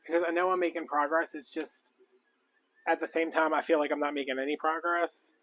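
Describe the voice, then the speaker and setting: Rambling, chatty man, slightly high. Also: fairly even intonation, a little fast, a bit bright. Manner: rambling, chatty, many fillers. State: out of breath. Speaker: crafting vlogger. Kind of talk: casual live-stream chat.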